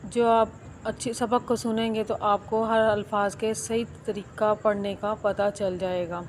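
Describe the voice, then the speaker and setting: A woman teaching Quran recitation step by step. She spells each word out slowly, one syllable at a time, and then explains it quickly. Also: mid-range voice, little pitch movement, slight background noise.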